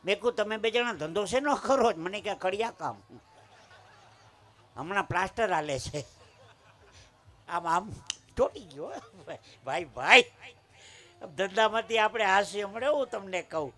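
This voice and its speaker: A man's voice: high-pitched, normal speed, long pauses, fairly bright tone. A man from Saurashtra with a Kathiawadi accent, telling folk jokes and stories live on a village stage, punching his lines and acting out the quoted voices. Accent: Kathiawadi Gujarati. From Saurashtra, Gujarat. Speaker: folk storyteller and humorist. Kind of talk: live folk comedy storytelling.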